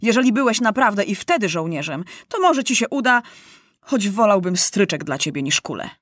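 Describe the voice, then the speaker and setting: A woman's voice: medium pitch, sing-song, normal speed, fairly bright tone, no room sound, studio quality. A woman voicing an angry enemy army officer in a storybook reading, scolding and threatening.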